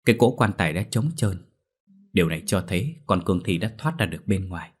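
A man voicing a stern, gruff old male village elder in a storybook horror tale. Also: low-pitched, lively intonation, fast. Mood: grave. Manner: gruff, commanding.

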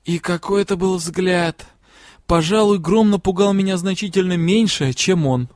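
A man reads a first-person fantasy novel aloud in a measured, quiet storytelling voice. His pitch sits a little above the usual for men. The recording is dry and close, with no room sound. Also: no echo. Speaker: audiobook reader.

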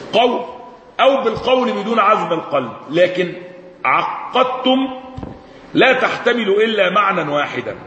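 High-voiced Egyptian man lecturing in an echoey hall. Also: a bit bright, dull audio. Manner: explanatory, reads out and unpacks quoted sources. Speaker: Islamic jurisprudence teacher. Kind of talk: classroom lecture. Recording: echoey hall with faint noise.

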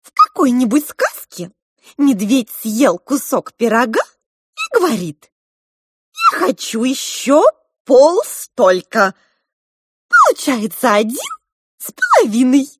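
A woman voicing an excitable, clever pink female mouse with a squeaky, high, loud voice. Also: takes it slowly, pauses often, husky, dry recording, clean studio sound, heavily acted. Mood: explaining.

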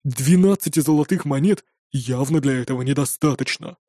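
A man's voice: medium pitch, a little fast, mellow, dry recording, studio quality, lightly acted. A man voicing Korg, a bitter, vengeful young male thrall who speaks urgently and insistently. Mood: informative.

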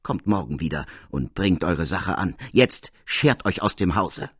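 A woman's voice: rumbling low, expressive, a little slow, darkish tone, breathy edge, no echo, studio quality, full character voice. A male narrator voicing a stern older maidservant in a radio reading of a classic tale. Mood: stern, dismissive. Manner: scolding, then screaming for help.

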